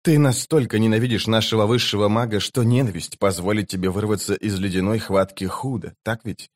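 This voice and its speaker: A man's voice: fairly low pitch, steady tone, brisk, close to an everyday voice. A man voicing a weary, blunt female sorceress in a plain, curt way.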